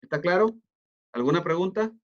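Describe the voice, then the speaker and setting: A middle-aged man giving an online lecture, explaining step by step and often pausing to ask whether students follow. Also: high voice, animated. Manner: explanatory, often checks understanding with tag questions. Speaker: teacher. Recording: dull lo-fi online class audio.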